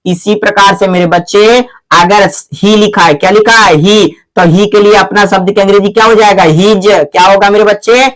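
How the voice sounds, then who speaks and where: A man's voice: high-pitched, steady tone, normal speed, few pauses, a bit bright, rough recording. A man teaching English grammar in a video lesson, who keeps asking his viewers questions and answering them himself, calling them his children. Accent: Hindi-speaking North Indian. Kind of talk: classroom-style video lesson.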